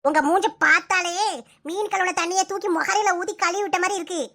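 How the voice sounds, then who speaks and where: A woman's voice: very high-pitched, fairly even intonation, fast, pushed and bright, full character voice. A woman voicing a touchy, quarrelsome young sister-in-law in a comic cartoon, trading insults in a Kanyakumari Tamil accent. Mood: insulting.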